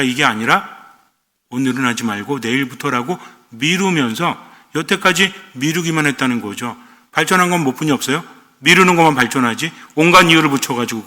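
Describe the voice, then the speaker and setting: Bright-voiced priest preaching in a hall. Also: male voice, a little high. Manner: conversational, quizzes the audience with rhetorical questions. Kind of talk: lecture-style homily.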